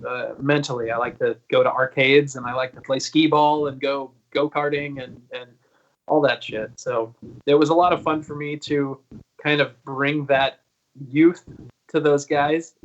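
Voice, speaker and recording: This medium-pitched guest singer, a man in his early thirties, rambles through stories on a video call in a casual interview. He is relaxed, swears often and laughs a lot, and the recording has its highs cut off.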